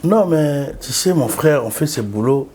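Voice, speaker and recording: A man from Congo with a Congolese French accent speaks animatedly as a guest in a casual interview, often repeating himself and switching between French and Lingala. His voice is a little high and unhurried, recorded on a studio microphone with slight background noise.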